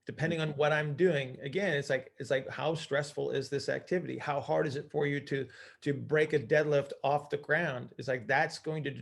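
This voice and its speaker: The coach of an informal group call has a creaky voice on the high side. He teaches with emphasis by raising questions and answering them himself, often checking with "right?".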